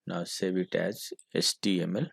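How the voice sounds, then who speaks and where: A man's voice: deep voice, little pitch movement, moderate pace, vocal fry, a bit bright, slightly rough, no room sound, clean studio sound. A man with an Indian English accent teaching a school computer class, dictating code step by step. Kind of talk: screen-recorded coding lesson.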